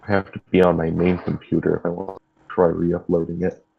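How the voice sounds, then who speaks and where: A man chatting casually on a livestream, laid-back and a bit halting. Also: deep voice, flat delivery, vocal fry, husky, highs cut off, soft background music.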